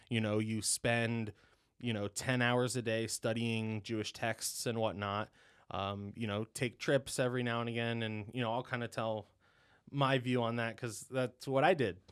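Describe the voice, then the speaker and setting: A young man in his 20s from Ohio, USA, with a smooth, medium-pitched voice. He is a dental student on a podcast, rambling through a casual interview chat, leaning heavily on "you know" and "um" and laughing often.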